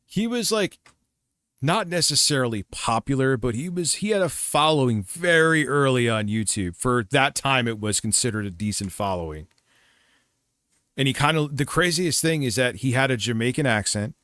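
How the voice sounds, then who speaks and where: Recorded dry and at studio quality, this medium-pitched, fairly bright, expressive voice moves at a moderate pace. The speaker is a middle-aged man reacting to another stream with casual, profanity-laced commentary that wanders as he recalls the past.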